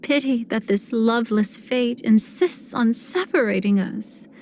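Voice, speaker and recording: An actress playing a seductive, sinister woman cremator in a video game, speaking in a languid, theatrical way with breathy, whispered phrase endings. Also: fairly high pitch, measured pace, darkish tone, slight background noise. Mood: wistful teasing. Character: seductive, sinister woman cremator who savors betrayal and decay. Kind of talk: video game character voice lines.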